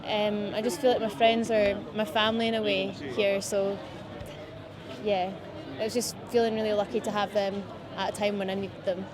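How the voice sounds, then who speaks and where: A musician guest from the Scottish Highlands, in her twenties, rambles comfortably about her music with many fillers. Her voice has a medium pitch and moderate pace. Crowd sounds drift in from the outdoor riverbank setting in the city.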